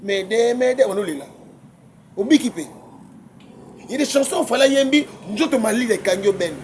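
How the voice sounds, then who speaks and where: Man, high voice, heated casual debate, repeats words, laughs a lot, faint noise behind. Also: lively intonation, normal speed. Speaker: music commentator guest.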